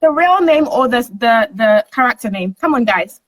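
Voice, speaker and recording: A woman with a high voice hosts a relaxed online interview. She keeps it upbeat, laughs often and coaxes her audience to chime in. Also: moderate pace, rough recording. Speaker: host.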